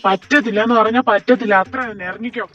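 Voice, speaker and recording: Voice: medium pitch, fairly even intonation, quick pace, far from the mic, lo-fi sound, close to an everyday voice. A performer voicing a brusque, dismissive young college man who shoos a girl away. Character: grumpy young male college dancer.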